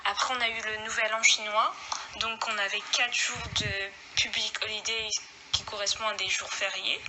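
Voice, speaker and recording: A woman's voice: fairly high pitch, noisy background. A woman from Réunion, a guest giving a casual spoken testimony, hesitant and full of fillers, recorded at home.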